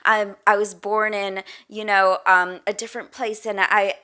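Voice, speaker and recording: A woman with a bright, clear-edged voice talks as a podcast guest. Her delivery is earnest and reflective, unhurried and conversational. She often pads her thoughts with "like" and "you know". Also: mid-range voice, little pitch movement. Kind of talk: casual interview conversation.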